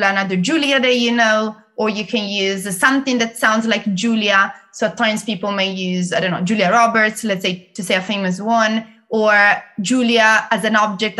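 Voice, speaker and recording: A woman with an Italian accent, a guest in an interview, explaining learning techniques in a lively way and laughing often. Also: mid-range voice. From Italy. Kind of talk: interview conversation.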